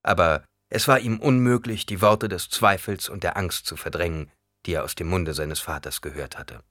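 A man narrating an audiobook in a calm, even storytelling manner. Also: deep voice, normal speed, dry recording, studio quality. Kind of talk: audiobook reading.

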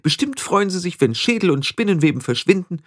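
Vain young witch girl, high and boastful, read by a man, lively, dry sound. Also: a little fast, no echo. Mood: proud, anxious. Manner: high, boastful, near tears.

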